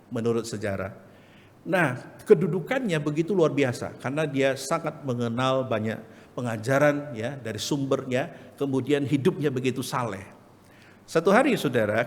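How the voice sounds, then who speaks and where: A man, an evangelist preacher, giving a storytelling sermon and often calling his listeners brothers and sisters. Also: mid-range voice. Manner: retells a story vividly. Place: church hall. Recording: reverberant church hall, faint background ambience.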